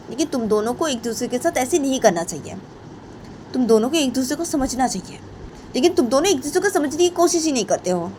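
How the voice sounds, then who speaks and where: A woman voicing a stern middle-aged mother who scolds in a low voice and keeps repeating her daughter's name. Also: darkish tone, slight background noise, poor audio.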